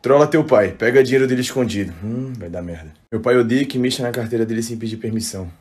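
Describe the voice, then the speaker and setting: A man's voice: medium pitch, fast talker. Man announcing over music. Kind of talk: reading on-screen prompts. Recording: music behind voice.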